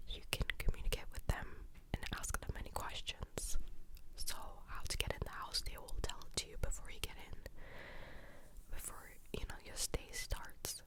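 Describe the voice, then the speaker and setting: Young woman's clicky ear-to-ear whisper. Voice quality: breathy, clicky unvoiced whisper. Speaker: ASMR creator telling stories. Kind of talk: ASMR whispered storytime ramble. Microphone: close ASMR stereo mic at the ear.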